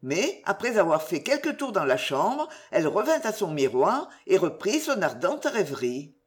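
Expressive woman reading a classic novel. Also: lowish voice. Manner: expressive, measured. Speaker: narrator.

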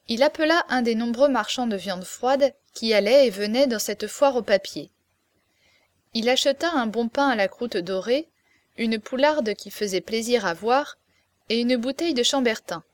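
A woman's voice: fairly high pitch, no room sound. Woman narrating a classic novel. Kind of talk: audiobook reading of a classic novel.

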